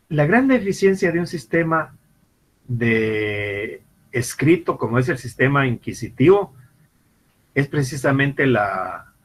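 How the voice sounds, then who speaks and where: A man's voice: mid-range voice, low-quality recording. A man giving a university law lecture. He often repeats and restarts words, and he acts out little everyday scenes in quoted voices to explain his points. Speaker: law professor. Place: classroom or online class.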